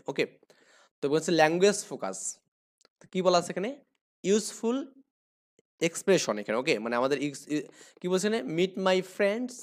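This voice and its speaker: A young man teaches English online in a slightly raised voice. He explains each word patiently, repeats "here" again and again, and checks in with his students as he goes. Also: fairly high pitch. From Bangladesh. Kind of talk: online class lesson.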